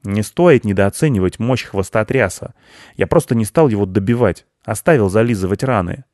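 A man's voice: fairly low pitch, normal speed, a little mellow, dry recording, studio quality, pitched above the performer's own voice, natural voice. A man voicing a timid, boastful male hare with a lisp in an audiobook. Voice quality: lisping. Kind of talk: audiobook character voice.

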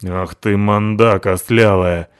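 A man reading an audiobook voices a big, foul-mouthed woman who talks crudely and loudly. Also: low voice, level tone, moderate pace, no room sound, studio quality, lightly acted. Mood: scolding. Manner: crude, growling. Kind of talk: audiobook character voicing.

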